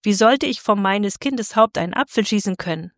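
A woman's voice: medium pitch, moderate pace, no echo, studio quality, natural voice. A woman voicing a humble, brave male marksman and father who speaks earnestly and pleadingly, in a storybook reading.

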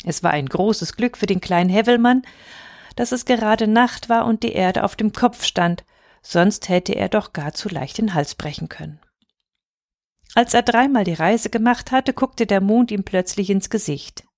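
A woman reading a fairy tale aloud in a calm, expressive way, sometimes dropping to a hush. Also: mid-range voice, normal speed, no room sound, clean studio sound. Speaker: storyteller.

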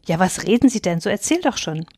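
A bullying estate steward sneers and taunts, as a woman reading aloud gives him a voice. His scornful questions come in a medium-pitched, dry voice. It is a plain storybook reading with no room sound. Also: big pitch swings, quick pace, mellow, husky, no room sound. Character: mocking, domineering male estate steward.

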